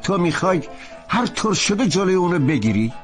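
A man dubbing a level-headed husband who reasons gently with his wife. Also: sits high, very animated, soft background music. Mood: reasoning. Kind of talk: Persian dubbing of a TV drama.

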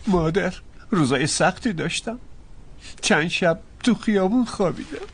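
A male actor dubbing a down-and-out grown son who talks low and meek, trailing off, in a TV drama. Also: expressive, slightly rough, heavily acted. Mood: pleading. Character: down-and-out grown son, apologetic and evasive. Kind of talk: Persian dub of a TV drama.

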